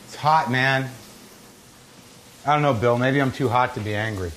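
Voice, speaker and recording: A man's voice: medium pitch, moderate pace, a bit bright, slight background noise, rough recording. A middle-aged American man hosting a casual comedy cooking show, chatting through steps and anecdotes in a wry, blunt, profane, conversational way.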